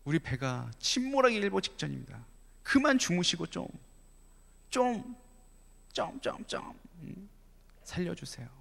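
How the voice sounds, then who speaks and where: Frantic disciples in a sinking boat, pleading and stammering in a raised, lively voice, as a male preacher puts them on. The cries ring out with a long reverb, as in a large sanctuary. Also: high-pitched, a little slow, gravelly, pauses often, voice pushed up, exaggerated voice. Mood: panicked pleading. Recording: long church hall reverb.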